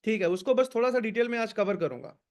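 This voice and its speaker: Brisk, urging male sales trainer. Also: sits high. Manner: energetic and urging, switching between Hindi and English words. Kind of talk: online training session.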